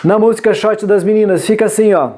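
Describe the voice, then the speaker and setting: A man teaching forró dance, explaining musical phrasing in a measured, explanatory way. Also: high-pitched, mellow. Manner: measured, explanatory, sings short lyric lines to demonstrate counting. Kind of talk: instructional video lesson.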